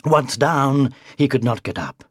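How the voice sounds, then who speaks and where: A storyteller reading a children's tale aloud in an expressive way, dropping into whispers for effect. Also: medium pitch, a little slow, slightly rough, no echo, clean studio sound. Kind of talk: storybook narration.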